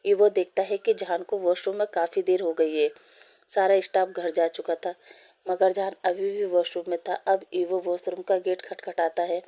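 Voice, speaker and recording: A woman reading a fan story aloud, in a steady, plain way with small slips. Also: on the low side, moderate pace.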